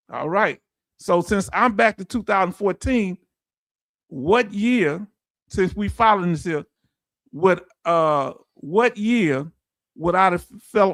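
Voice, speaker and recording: A veteran benefits streamer in his late fifties, with a voice that sits high for a man, gives a livestream lesson answering chat, heard dry and close with no room sound or echo. He teaches in relaxed, folksy talk and keeps asking viewers the same questions until they answer.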